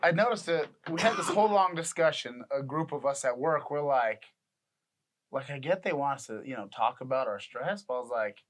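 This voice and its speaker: A man's voice: medium pitch, animated, fairly quick. A man in his thirties co-hosting a casual podcast, rambling and laughing often. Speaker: podcast co-host. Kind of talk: casual chat.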